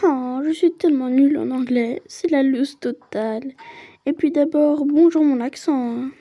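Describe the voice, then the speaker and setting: This woman's high voice is warm and very mellow, with no sharpness at all, and she speaks at a normal speed while the highs in the audio are cut off. She narrates a story game in the first person and drifts into chatty side remarks, making for a casual read-aloud playthrough.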